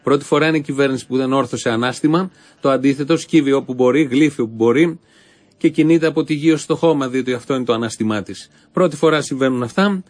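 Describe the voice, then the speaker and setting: A man's voice: mid-range voice, darkish tone. Sarcastic male political commentator. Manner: biting, sarcastic. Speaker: host.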